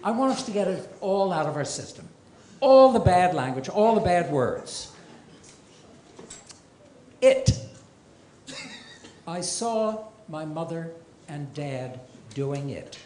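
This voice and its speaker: A man's voice: a little high, sing-song, slow pace, long pauses, a little hiss or hum. An older man doing a stand-up comedy set on a club stage, delivering dry one-liners with self-deprecating asides. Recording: roomy club with loud audience laughter.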